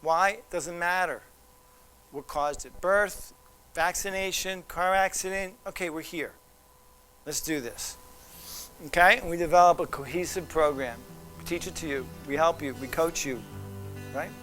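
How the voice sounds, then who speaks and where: A man giving a presentation to parents, animated and teasing, acting out what others might say. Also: fairly high pitch, unhurried, long pauses, soft background music. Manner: animated, teasing, acts out quoted voices. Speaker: child development specialist.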